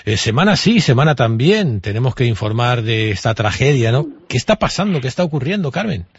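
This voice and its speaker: A man's voice: mid-range voice, very animated, a little fast, breathy edge, no echo. A male radio host, introducing a news story and interviewing a guest, often ending phrases with a questioning tag. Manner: hesitant, tags ¿no? often. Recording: muffled radio broadcast.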